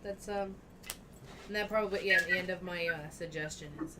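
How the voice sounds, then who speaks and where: A woman's voice: fairly low pitch, fairly even intonation, moderate pace. A woman playing a tabletop fantasy game, chatting casually and speaking for her character. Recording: clear background noise.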